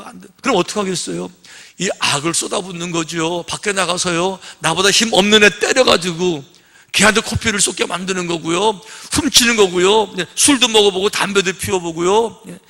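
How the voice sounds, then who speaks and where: A man's voice: sits high, normal speed, vocal fry, bright, forceful tone. A male pastor preaching a sermon in a conversational style, full of rhetorical questions and little acted-out scenes. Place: church sanctuary. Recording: long reverb of a church hall.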